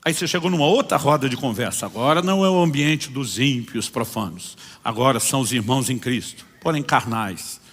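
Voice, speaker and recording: Pastor preaching in a reverberant hall. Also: male voice, medium pitch, animated, brisk, hardly any pauses, husky. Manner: storytelling with acted-out dialogue, swings loud and soft. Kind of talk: sermon.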